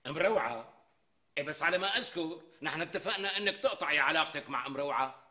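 A man's voice: fairly high pitch, animated, fast talker, sharp tone, echoey room. An actor playing a browbeaten middle-aged husband with a Damascene Syrian accent, who rants bold speeches when he is alone in a TV sitcom. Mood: defensive. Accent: Damascene Syrian Arabic. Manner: rehearses bold speeches, mocking and ranting. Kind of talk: TV sitcom acting.

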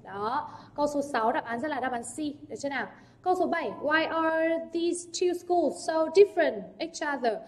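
In this exam answer walkthrough lesson, a young adult woman teacher with a high-pitched voice works through English exam answers at a moderate pace, often posing rhetorical questions to the class.

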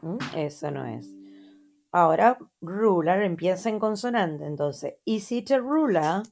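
Argentine woman teacher, unhurried and patient, a touch low, keeps checking in. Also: lively intonation, creaky, a little mellow. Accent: Argentine Spanish. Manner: slow, patient, repeats words and adds checking "¿mm?". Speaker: English teacher. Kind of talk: slow lesson review for children.

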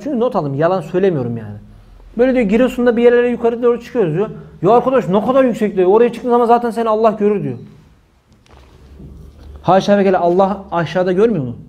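A man's voice: sits high, a little mellow. A man giving an impassioned religious monologue, indignant and emphatic, repeating his phrases and using many pious formulas. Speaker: religious commentator.

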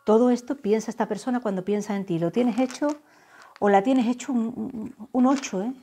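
A woman from giving a tarot reading to her viewers, saying the messages she channels slowly and softly. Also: a little high, husky. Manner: slow, soft, drawn-out channeled phrases. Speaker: tarot reader. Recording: faint background music.

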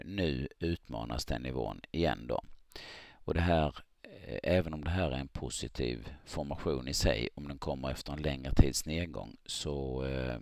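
A man with a very low, gravelly voice gives a screen-recorded chart analysis. He talks in a halting way, thinking aloud and filling pauses as he goes. The sound is dry and close, with no room around it. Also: no echo. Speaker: market analyst.

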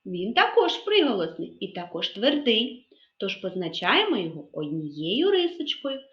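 A woman kindergarten teacher with a Ukrainian accent teaching young children letter sounds, enunciating slowly and clearly sound by sound. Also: medium pitch, very animated. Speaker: preschool teacher. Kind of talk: literacy lesson for young children. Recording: echoey room, dull lo-fi sound.

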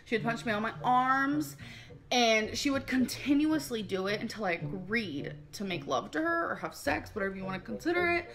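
A woman's voice: on the high side, expressive, moderate pace, fairly bright tone. Rambling woman livestreamer. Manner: rambling, heavy use of filler "like". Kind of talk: casual livestream talk.

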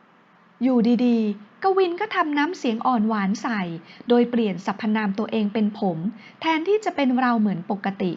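A woman reading a romance audio novel aloud with a steady storytelling delivery. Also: a little high, fairly quick, few pauses, highs cut off. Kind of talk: scripted narration of a romance novel.

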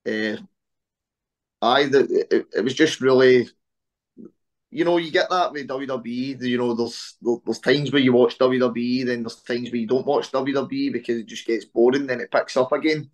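A Scottish man in his early twenties, a guest speaking casually over a video call, relaxed with lots of "eh" fillers. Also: mid-range voice, normal speed. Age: 20s. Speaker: interview guest, wrestler. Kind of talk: casual interview chat. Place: small room at home on a video call.

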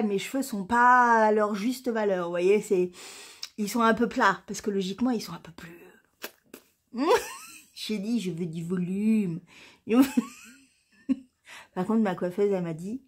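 Woman, 40s, knitting vlogger. Casual, chatty delivery, quick to laugh, vents with some swearing. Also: medium pitch. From France. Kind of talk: casual chat to camera.

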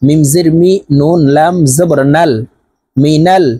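A man teaching Quran reading, spelling words out letter by letter and reciting verses in a slow, drawn-out chant. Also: on the high side, steady tone, dark tone, husky, dry recording. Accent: Bangladeshi Bengali.

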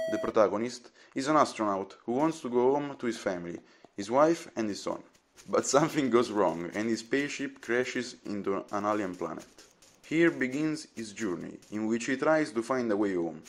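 A teenage man with an Italian accent, narrating a voice-over about making his game in an earnest, explanatory way. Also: medium pitch. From Italy. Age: teens. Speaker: game developer.

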